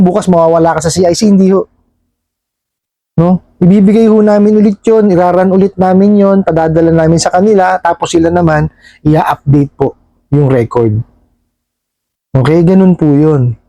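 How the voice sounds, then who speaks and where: A man's voice: high-pitched, warm tone, no room sound. A man from a lending company talking casually to viewers, polite and explanatory, often checking in with "right?" as he goes. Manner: keeps asking "di ba?" and "no?", polite "ho" and "po".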